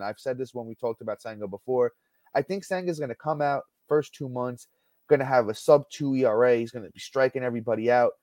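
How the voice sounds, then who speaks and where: A man's voice: medium pitch, a little mellow, no room sound. A man hosting a casual sports podcast from home over a call, chatty and heavy on stats, full of fillers and restarts. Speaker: podcast host.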